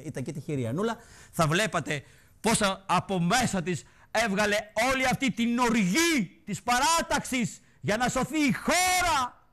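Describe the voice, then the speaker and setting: Male TV host, high-pitched, mocking theatrical satire. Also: fairly bright tone. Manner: mocking, theatrical, sing-song teasing. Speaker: TV show host. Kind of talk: satirical political commentary.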